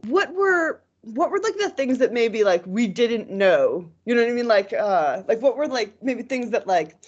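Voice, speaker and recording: Husky woman interviewer, fumbling questions. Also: fairly high pitch, sing-song, moderate pace, dull audio. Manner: hesitant, lots of fillers. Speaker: interviewer, documentary maker. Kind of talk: casual interview.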